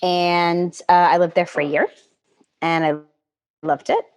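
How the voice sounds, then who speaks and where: Woman from connecticut chatting on a podcast, lots of ums, lowish voice. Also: takes it slowly, smooth. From Connecticut, United States. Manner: relaxed, hesitant, many fillers. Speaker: guest. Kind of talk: casual interview answers.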